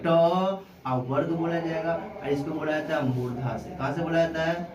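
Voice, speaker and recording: A man's voice: on the high side, fairly even intonation, normal speed, a crowd in the background. A male teacher giving a classroom grammar lesson, asking questions and repeating the answers himself. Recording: echoey room with clear background noise.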